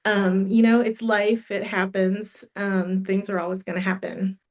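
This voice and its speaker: Hosting a live online summit, a middle-aged woman with a cold and a fading voice makes livestream announcements, friendly and encouraging despite many ums and restarts. Her mid-range voice is flat and a little slow, with a darkish tone.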